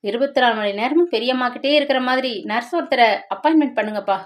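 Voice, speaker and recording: A worried grown son on the phone, put on by a woman narrator, talking in a concerned, hurried way. The voice stays fairly high throughout. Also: natural voice. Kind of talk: dramatic storytelling.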